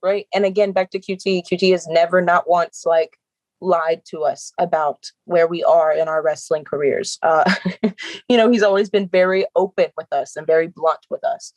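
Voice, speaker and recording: A woman's voice: on the low side, steady tone, moderate pace, darkish tone, no room sound, poor audio. A young adult woman, a professional wrestler, talking earnestly and reflectively in an interview, often breaking into laughs. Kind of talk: casual interview talk.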